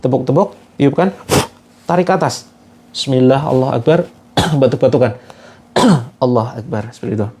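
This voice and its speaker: A man's voice: medium pitch, moderate pace, long pauses, darkish tone, a little hiss or hum. A man guiding viewers through a live spiritual healing session, coaxing them along and leading prayers line by line.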